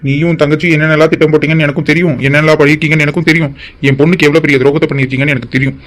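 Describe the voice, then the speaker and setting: A man's voice: fairly high pitch, level tone, fairly bright tone, close to an everyday voice. A man voicing a stern middle-aged father in a cartoon drama, scolding his scheming wife. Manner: rapid, scolding. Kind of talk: Tamil cartoon drama voice acting.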